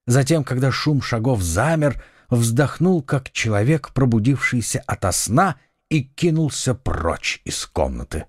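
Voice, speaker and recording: A man narrating an adventure novel audiobook with an expressive, dramatic reading. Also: mid-range voice, measured pace, few pauses, dry recording, studio quality. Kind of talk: scripted narration.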